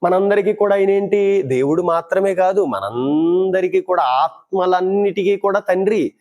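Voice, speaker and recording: A man's voice: sits high, moderate pace, a little mellow. A man giving Bible teaching, asking rhetorical questions and acting out everyday dialogues to make his point.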